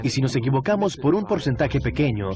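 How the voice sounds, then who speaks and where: Guy dubbing male expert in a documentary interview, explaining, middle pitch, loud music under. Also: lively intonation, fast, natural voice. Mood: explanatory. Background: music behind the voice.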